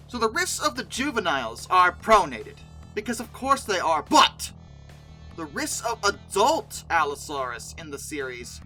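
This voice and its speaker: An expressive video host speaks in a bright, forceful, mid-range voice with very lively intonation. The informal, chatty commentary is full of opinionated, exasperated asides and mock disbelief, with music playing faintly behind her.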